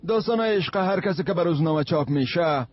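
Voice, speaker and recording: A man's voice: on the high side, lively intonation. An actor playing a menacing male kidnapper who gives orders and mocks his captive, in a dubbed TV drama. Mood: taunting. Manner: taunting, commanding. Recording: dull lo-fi dubbed film audio with music.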